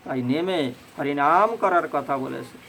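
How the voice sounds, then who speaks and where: A man with a Bengali accent giving a fervent devotional sermon on scripture, addressing the listeners as mothers and breaking into slow chanting. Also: a little high, vocal fry, a bit bright, slight background noise, rough recording. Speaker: Bhagavata reciter.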